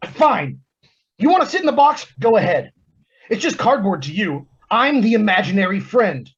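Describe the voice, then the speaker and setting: Casting: actor voicing a husky, wildly animated boyish imaginary friend, over dull video-call audio. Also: male voice, high voice, moderate pace, exaggerated voice. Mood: defiant. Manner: lively, swings from playful to desperate. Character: boyish male imaginary friend, wild and playful. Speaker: actor in a play reading. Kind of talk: online play reading.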